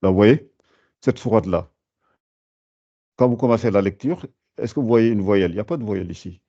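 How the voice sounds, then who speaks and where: A man's voice: fairly low pitch, a little fast, warm tone, highs cut off. A man teaching a lesson, explaining patiently with many fillers and restarts. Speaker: Quran recitation teacher.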